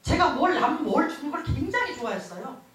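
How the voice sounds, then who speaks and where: High, lively woman pastor preaching. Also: a little fast. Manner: emotive storytelling preaching, laughing as she talks. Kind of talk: revival sermon with personal testimony. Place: large church hall at a revival meeting. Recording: echoey hall heard from far off.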